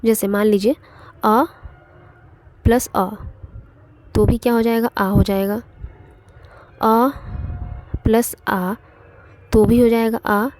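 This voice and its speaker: Woman, grammar teacher, exam-prep lecture, fairly high voice, warm tone, repeats points, many fillers. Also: level tone, slow, pauses often, slight background noise. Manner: explanatory, repeats points, frequent fillers and checks "ठीक है".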